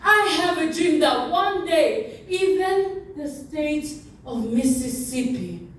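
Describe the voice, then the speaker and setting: A woman giving an impassioned, oratorical recitation of a famous speech, with deliberate pauses and repetition. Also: high voice, animated. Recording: very echoey, distant from the mic.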